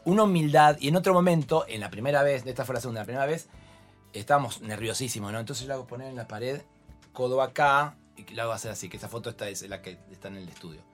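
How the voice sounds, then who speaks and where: A man with an Argentine accent, a fashion photographer being interviewed, telling lively anecdotes and acting out voices. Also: medium pitch, fast talker, faint music behind. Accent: Argentine Spanish. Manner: expressive storyteller, acts out voices. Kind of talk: animated anecdotal chat.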